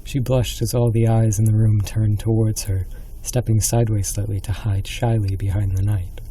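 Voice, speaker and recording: A man's voice: on the low side, flat delivery, moderate pace, dark tone, a little hiss or hum. A man reading a scripted horror story as a dramatic narrator.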